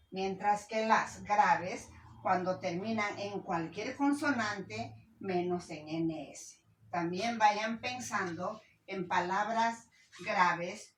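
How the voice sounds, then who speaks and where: Woman teacher going slow over the rules, far from the mic, echoey room, bit of hiss. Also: mid-range voice, a bit bright. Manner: slow, stressing syllables, asks questions to students. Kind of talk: classroom grammar lesson. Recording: roomy, from a distance, faint noise.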